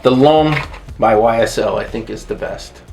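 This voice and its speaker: A man's voice: medium pitch, normal speed, vocal fry, darkish tone, a little hiss or hum. A man co-hosting a fragrance review, giving his opinions in a casual, conversational way.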